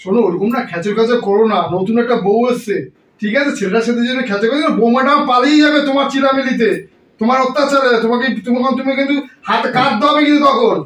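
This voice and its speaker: A man playing a weary older husband who lectures his shouting wife, in a comic family skit. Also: very high-pitched, quick pace. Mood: lecturing. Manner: exasperated, lecturing. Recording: echoey room, voice from a distance.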